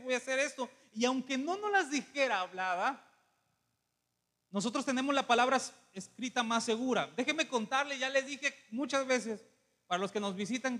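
Animated high-voiced preacher man. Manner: humorous, animated storyteller, calls for amen. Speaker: pastor. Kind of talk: sermon with storytelling.

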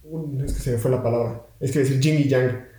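A man's voice: medium pitch, steady tone, fairly quick, dark tone, roomy sound. A young man, chatting casually as a podcast co-host and rambling with many restarts and fillers. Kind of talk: casual chat.

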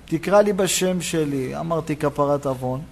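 A rabbi preaching a sermon in a synagogue, telling a personal story and acting out the dialogue. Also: male voice, on the high side, gravelly, slight background noise. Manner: animated storytelling, acts out dialogue.

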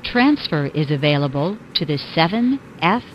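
A woman's voice: low voice, big pitch swings, moderate pace. A woman reading scripted train announcements, with words and phrases spliced together in a choppy way. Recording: muffled recording with faint background noise.

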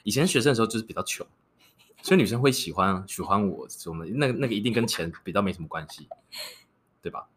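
A man's voice: fairly low pitch, lively intonation, fast talker, a bit bright, slight background noise. A man in his twenties chatting casually and cheekily about relationships as a podcast guest. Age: 20s. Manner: joking, cheeky.

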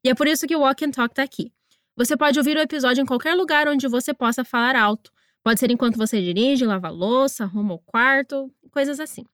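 A woman with a high, bright-pitched voice runs a scripted English lesson. She is encouraging and stretches words out slowly for pronunciation drills. Close, dry studio sound. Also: no echo. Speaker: English teacher and podcast host. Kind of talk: scripted language lesson narration.

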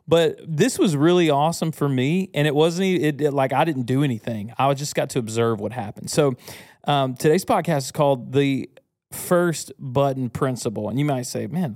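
A man's voice: mid-range voice, darkish tone, no echo, studio quality. A man in his thirties hosting a podcast, talking earnestly and casually, rambling a bit with restarts and self-deprecating asides. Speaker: podcast host. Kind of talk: casual teaching talk.

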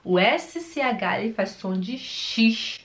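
Woman, language teacher, measured unhurried delivery, precise pronunciation drills. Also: fairly high pitch, lively intonation, fairly bright tone. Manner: slow, careful pronunciation drills. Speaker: German teacher. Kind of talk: online language lesson.

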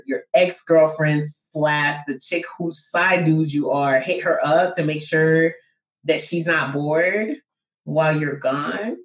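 Young woman, podcast co-host, chatty and laughing, lowish voice, echoey room. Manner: animated, laughs often, lots of "like" and "bro". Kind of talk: casual chat. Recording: roomy echo.

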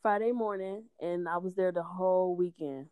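This woman's voice is on the low side, clear and resonant, at normal speed, captured with no room sound but through narrow, tinny audio. Chatting casually, she's an animated storyteller who swears, laughs, and acts out other people's quotes.

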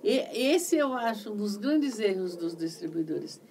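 A middle-aged woman with a Brazilian accent, a voice actress chatting in an interview, telling stories in an animated way and repeating herself for emphasis. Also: mid-range voice, measured pace, creaky. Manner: animated, repetitive storytelling. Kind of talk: casual interview chat. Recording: distant mic, faint background noise.

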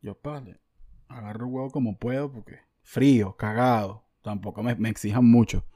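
A man with a Venezuelan accent hosting a podcast, telling a comic story in an animated, slangy, self-mocking way. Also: mid-range voice, normal speed, dry recording, studio quality. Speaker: podcast host.

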